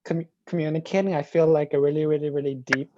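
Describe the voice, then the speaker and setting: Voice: mid-range voice, steady tone, fast talker, dark tone, muffled recording. A student speaking casually in conversation with a teacher. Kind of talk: casual chat.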